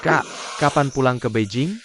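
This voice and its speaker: A man voicing a reassuring young younger brother in a dubbed drama series, speaking in an even tone, with music behind him. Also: mid-range voice, moderate pace, background noise, lightly acted. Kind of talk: Indonesian dub of a drama series. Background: background music.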